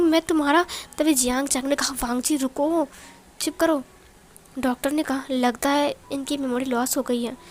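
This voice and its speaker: A woman narrating a romance fanfiction story, reading every character's lines herself in a lightly dramatic voice. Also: high-pitched.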